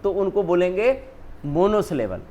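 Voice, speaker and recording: High-pitched guy teacher, hindi first language, keeps saying "right?" and answering his own questions. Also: very animated, normal speed, dark tone. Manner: repeats "ठीक है ना", asks and answers own questions. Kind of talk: explaining spelling rules on a board.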